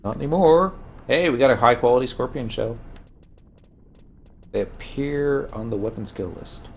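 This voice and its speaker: This Texan-accented man rambles casually as he streams an online game, responding to viewers while he plays. His voice is medium in pitch and his pace moderate, with soft background music underneath.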